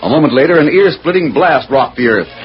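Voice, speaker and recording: A man's voice: fairly high pitch, expressive, a little fast, over loud music, lightly acted. A man as narrator, giving dramatic scripted narration for a 1940s radio western, on a muffled old recording.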